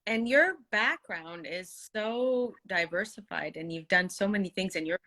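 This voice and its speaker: A woman hosting a live online interview, asking encouraging, unhurried open questions. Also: medium pitch, animated, pushed and bright. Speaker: interview host.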